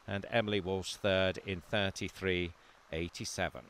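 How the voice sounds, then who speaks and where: A low-voiced man speaking at normal speed commentates live on a swimming meet; he is not from Wales. He reads lanes and times calmly and lifts his voice as close finishes unfold.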